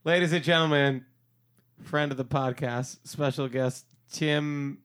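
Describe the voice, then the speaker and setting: Male podcast co-host, Long Island accent, slightly high voice, loose jokey banter. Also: fairly even intonation, unhurried, a bit bright, smooth. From Long Island, New York. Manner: jokey, teasing. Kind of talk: casual comedic chat.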